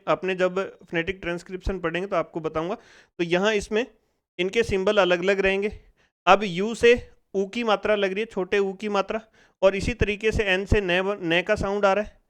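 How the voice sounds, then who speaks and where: A man teaches a phonics lesson, his voice pitched high and smooth. He puts each question to the class again and again, breaking every sound down step by step. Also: fairly bright tone. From India.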